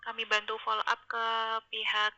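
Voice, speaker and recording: A woman's voice: medium pitch, completely flat delivery, moderate pace, creaky, pushed and bright. A woman speaking as a call centre agent in a polite, formal customer service voice over a muffled phone line.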